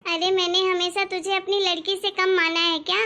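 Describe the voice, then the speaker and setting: A woman's voice: very high-pitched, flat delivery, normal speed, bright, forceful tone, heavily acted. A woman doing a doting, scolding old mother-in-law. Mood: warm. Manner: scolding affectionately, insistent. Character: loving elderly mother-in-law, doting and firm. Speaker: mother-in-law in a family cartoon story. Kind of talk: cartoon story voice acting.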